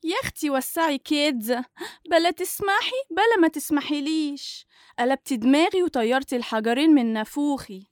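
A woman's voice: high-pitched, fairly quick, no room sound, clean studio sound, lightly acted. A woman playing a cheeky young Egyptian woman, brash, slangy and mocking, in a radio comedy serial. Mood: brash teasing.

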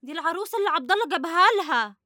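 An anxious Egyptian wife in a radio serial. Her bright, very high voice rushes out fast, fretful and placating. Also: expressive, no echo, clean studio sound, full character voice. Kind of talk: Egyptian radio comedy drama acting.

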